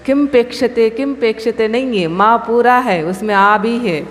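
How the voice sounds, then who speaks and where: A woman's voice: fairly high pitch, unhurried. A woman who is a Jain nun, leading a scripture recitation class and patiently correcting pronunciation syllable by syllable. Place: temple hall. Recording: long hall reverb, faint room noise.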